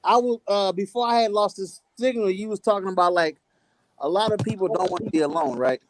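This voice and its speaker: High-voiced man in his late forties. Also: background noise. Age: 40s. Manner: drawn-out, reflective, plain-spoken. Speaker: panel guest. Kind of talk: casual panel chat.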